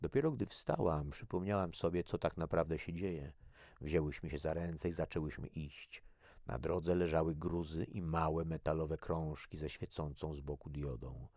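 A man reading a first-person story as an audiobook in a measured, even way. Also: very deep voice, no echo, studio quality. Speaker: audiobook reader.

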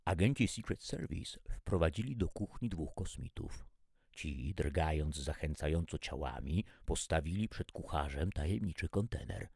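A man narrating a story in an expressive, animated reading style. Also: very deep voice, moderate pace, breathy edge, dry recording, studio quality.

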